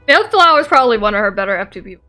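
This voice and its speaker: Rapid-fire and pushed, her bright medium-pitched voice swings widely in pitch as she streams a game. The woman jokes and giggles with viewers, reading and replying to chat, with game music behind her.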